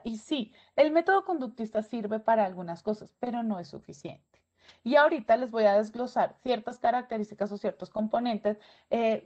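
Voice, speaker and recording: Lady teaching a webinar, animated, keeps checking in w listeners, kinda muffled audio. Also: a little high. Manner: animated, asks checking questions, acts out student voices. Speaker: lecturer. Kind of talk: educational webinar lecture.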